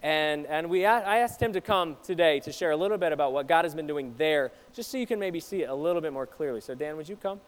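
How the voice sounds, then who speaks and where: A male pastor preaches to his congregation in church, talking quickly with hardly a pause. His voice is a little high, and he keeps things conversational by directing questions at the audience.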